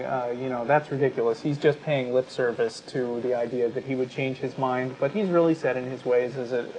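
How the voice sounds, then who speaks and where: The audio is poor as an American man, speaking as a talk show host, builds a case in a conversational way. He has a medium-pitched voice and pauses mid-sentence often.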